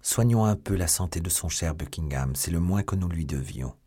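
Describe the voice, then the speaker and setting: A man reading an audiobook, voicing an eager, bold young swordsman with a lively delivery. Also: low-pitched, moderate pace, husky.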